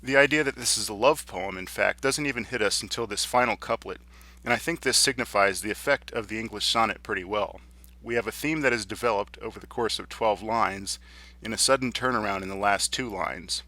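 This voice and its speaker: A man teaching a lesson, explaining clearly and reading poems aloud slowly. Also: lowish voice, bright, forceful tone. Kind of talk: recorded lecture.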